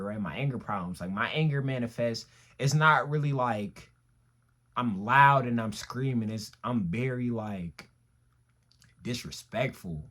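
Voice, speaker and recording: A young man vlogging, telling a personal story in slangy, emphatic talk that swings between loud outbursts and quiet asides. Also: medium pitch. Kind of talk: casual storytelling monologue.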